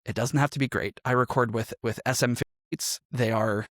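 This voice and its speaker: A man's voice: medium pitch, fairly even intonation, normal speed, a bit bright, no room sound, clean studio sound. A man speaking as a podcast guest in a conversational interview, explaining things in a thoughtful way. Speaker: podcast guest, musician and role-playing game performer.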